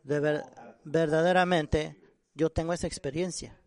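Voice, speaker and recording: A man preaching a sermon on prayer, earnest and halting, often repeating and restarting words. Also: on the high side, steady tone, creaky, a little mellow.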